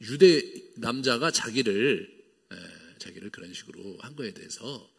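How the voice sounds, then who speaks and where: A man's voice: mid-range voice, animated, normal speed, creaky, slightly rough, in a large hall. A male pastor preaching a sermon. He talks animatedly, acts out the dialogue in playful voices and uses lots of fillers. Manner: lots of fillers, wide swings in loudness. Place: church sanctuary.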